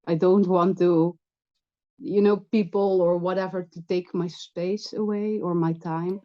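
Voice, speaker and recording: A woman co-host speaks slowly and tentatively in a casual podcast chat, agreeing often. Her mellow, low voice comes through a dull, lo-fi mic. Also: steady tone. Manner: agreeable, frequent backchannels.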